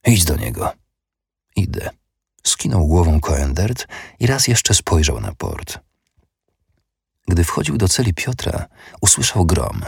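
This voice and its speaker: Deep, husky male narrator for a historical audiobook, steady delivery. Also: slow pace, dry recording, studio quality.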